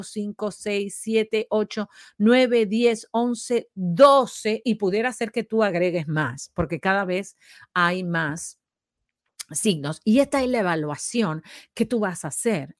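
A woman's voice: medium pitch, dry recording, studio quality. A woman presenting a program, explaining a list of points patiently and often checking in with her listener. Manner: explains patiently, checks in with repeated "¿sí?", counts items aloud. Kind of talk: explanatory talk show lesson.

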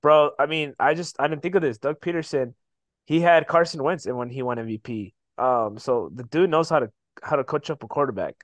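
A man's voice: on the high side, brisk, dry recording. A man chatting casually about sports as a podcast host, slangy and profane, often saying "bro".

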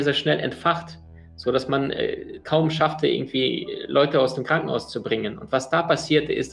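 A man's voice: medium pitch, creaky. A man giving a motivational talk, addressing the listener directly and telling stories earnestly, with frequent fillers and restarts. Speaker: motivational speaker.

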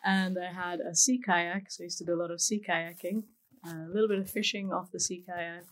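A middle-aged man from Kenya, a podcast guest, answering in a relaxed way with easy laughs. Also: sits high, brisk, rough recording. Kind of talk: casual interview chat.

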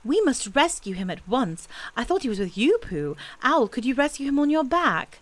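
A woman's voice: high-pitched, very animated, normal speed, voice pushed up. A woman voicing an eager, caring young boy in a children's storybook, with an exclamatory manner. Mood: urgent.

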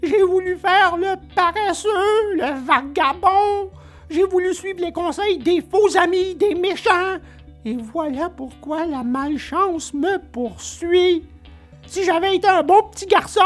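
Woman doing a tearful, high puppet boy. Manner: sobbing, pleading.

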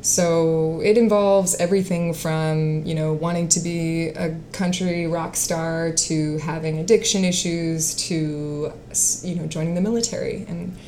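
A woman's voice: deep voice, fairly even intonation, unhurried, hardly any pauses, warm tone, slight background noise. A woman in her late twenties, a singer-songwriter and actress, chatting in an interview with fillers and frequent laughter. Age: late 20s. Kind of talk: casual interview chat.

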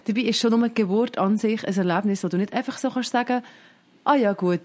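A woman's voice: fairly high pitch, quick pace, a little mellow. Reflective Swiss German woman talking. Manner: reflective, thinks aloud with many fillers. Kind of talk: casual chat.

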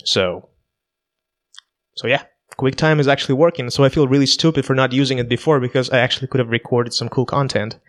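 A man's voice: mid-range voice, fairly quick. A man in his twenties from Kazakhstan with a Russian accent, hosting a casual solo podcast on a laptop, talking in a hesitant, self-conscious way with many restarts. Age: 20s. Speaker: podcast host.

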